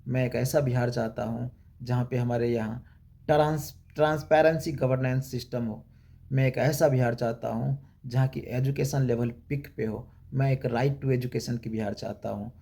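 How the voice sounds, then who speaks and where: Gravelly-voiced man giving a fiery monologue. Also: mid-range voice, a little mellow. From Bihar, India. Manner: rhetorical and repetitive, building emphatic lists. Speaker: YouTube channel host. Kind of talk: impassioned political monologue.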